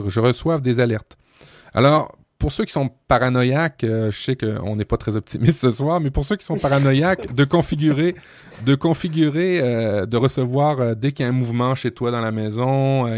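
A man's voice: medium pitch, expressive, brisk, a little mellow, no echo, studio quality. A man with a Québécois accent co-hosting a tech podcast, talking casually with many hesitations and fillers. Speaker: podcast co-host.

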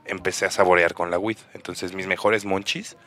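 Bright-voiced young Mexican man telling stories. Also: low voice, moderate pace. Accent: Mexican Spanish. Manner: slangy, animated storytelling. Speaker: podcast co-host. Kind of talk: casual chat among friends.

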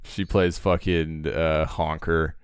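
With an extremely low, resonant voice, a podcast co-host talks slowly and flatly but clearly, in clean studio sound with no room echo. His casual chat rambles with fillers as he enthuses over a cartoon's voice cast.

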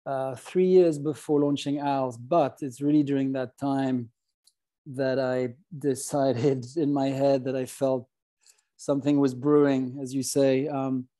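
The Swiss founder, a middle-aged man from the French-speaking region, has a dark, mid-range voice with flat delivery and a measured pace. As an interview guest he shares his story conversationally, pausing hesitantly to reflect.

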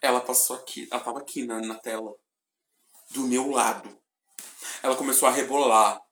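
A man with a deep voice, co-hosting a podcast and telling stories with excitement and sudden shouted bursts. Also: normal speed. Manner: excited storytelling, bursts of shouting when retelling. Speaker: podcast co-host. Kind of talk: casual chat. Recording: roomy echoey room.

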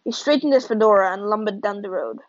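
A woman reading a novel aloud in a plain, steady storytelling way. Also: mid-range voice, quick pace, no echo, highs cut off. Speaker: audiobook reader.

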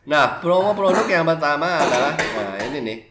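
A man's voice: a little high, very animated, moderate pace, echoey room, very noisy. A man co-hosting a casual comedic chat, joking, laughing often and leading the segments. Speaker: podcast co-host.

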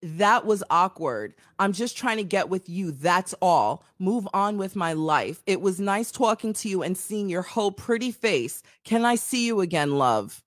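A woman's voice: mid-range voice, animated, unhurried, few pauses, no room sound, clean studio sound. A woman co-hosting a podcast, telling a personal story in casual chat and acting out the quoted dialogue.

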